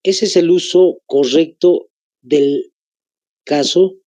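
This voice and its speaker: A man with a Bolivian Spanish accent teaching a grammar lesson, slowly repeating phrases so students can take notes. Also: a little high, mellow, no room sound.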